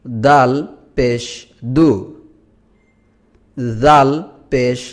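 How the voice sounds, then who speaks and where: A man teaching Quran reading, drilling each Arabic letter with its vowel sign, slowly and deliberately. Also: medium pitch, steady tone. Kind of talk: letter-by-letter recitation lesson.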